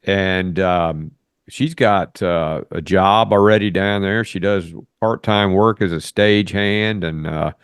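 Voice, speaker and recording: A man's voice: deep voice, slow, smooth, no echo, studio quality. A man co-hosting a podcast, chatting casually and rambling with lots of uh and restarts. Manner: rambling, many fillers and restarts. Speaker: podcast co-host.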